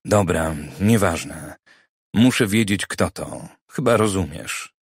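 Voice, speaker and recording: A man's voice: low voice, expressive, slow, breathy edge, dry recording, studio quality, exaggerated voice. A man voicing a demanding middle-aged businessman who asks blunt, probing questions, in an audiobook. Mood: insistent.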